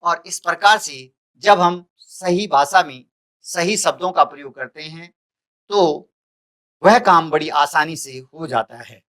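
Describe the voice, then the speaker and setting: Slow, deliberate male Hindi teacher. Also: a little high, a bit bright. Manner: deliberate, repeats and restates points. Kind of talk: recorded classroom lesson.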